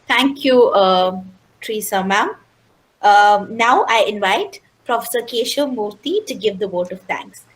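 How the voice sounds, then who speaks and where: Woman emceeing the webinar, polite, regular pitch. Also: expressive, unhurried, poor audio. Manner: polite, formal. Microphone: video call.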